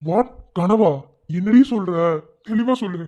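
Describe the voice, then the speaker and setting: A man's voice: sits high, measured pace, warm tone. A man voicing a young man working abroad in a cartoon love story, soothing and insisting that his partner trust him. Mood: reassuring.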